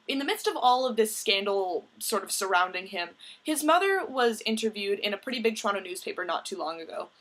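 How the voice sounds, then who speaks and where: A woman's voice: a little high, fairly bright tone. A young woman talking straight to camera in a casual vlog, earnest and emphatic, with the odd swear word. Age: young adult. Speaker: vlogger.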